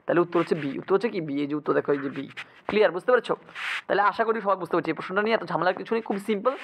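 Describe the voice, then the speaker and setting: Brief: male tutor, quick and high-pitched, drilling grammar rules over faint hiss. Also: lively intonation, poor audio. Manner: keeps checking students understand with quick asks. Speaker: English grammar teacher. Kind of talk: exam-prep lecture.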